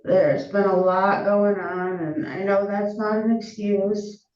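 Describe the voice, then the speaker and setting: A defendant explaining themselves to a judge in a hesitant, halting, apologetic way. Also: mid-range voice, little pitch movement, darkish tone. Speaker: defendant in court. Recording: distant, echoey, muffled courtroom audio.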